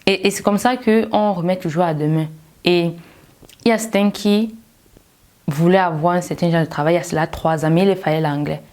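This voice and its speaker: Low-voiced woman giving an emphatic pep talk. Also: fairly quick, a little mellow. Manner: emphatic, direct, rhetorical questions. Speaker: English learning coach. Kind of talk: motivational talk to viewers.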